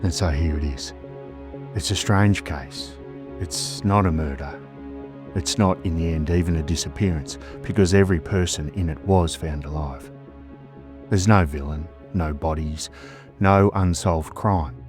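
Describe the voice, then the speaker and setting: A man with an Australian accent narrating a scripted mystery story as a podcast host, in a measured, dramatic way. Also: sits low, over music.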